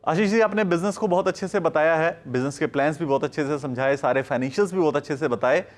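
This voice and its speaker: A man's voice: fairly high pitch, fast. Male business news interviewer. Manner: long, polite, winding questions. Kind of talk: interview questions.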